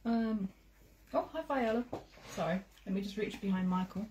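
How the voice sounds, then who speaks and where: A woman's voice: medium pitch, moderate pace. A woman hosting a quilting livestream, chatting casually while she sews and greeting viewers. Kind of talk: casual chat while sewing. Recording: noisy home livestream audio.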